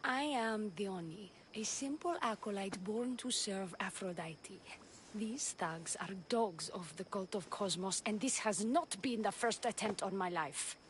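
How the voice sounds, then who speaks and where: Woman playing a sly, poised priestess, measured and theatrical. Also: medium pitch, lively intonation, a little hiss or hum, close to an everyday voice. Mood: guarded, formal. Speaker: game character. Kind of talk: video game voice acting.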